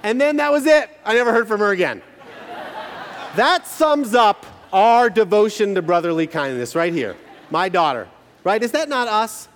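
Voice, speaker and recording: A man's voice: sits high, normal speed, a faint crowd. A man preaching a sermon as pastor, telling stories with emphasis and humor. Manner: animated, emphatic storytelling with humor. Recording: long hall reverb.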